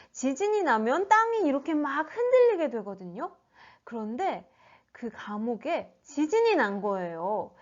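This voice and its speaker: A woman teaching a children's sermon, telling a Bible story in an animated way and asking the children questions. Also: high voice. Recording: dull lo-fi recording.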